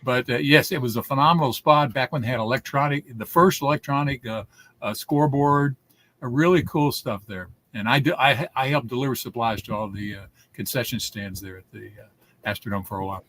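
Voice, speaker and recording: A man's voice: medium pitch, brisk, fairly bright tone. A man in his seventies, a guest telling stories in a casual interview, rambling with many restarts. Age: 70s.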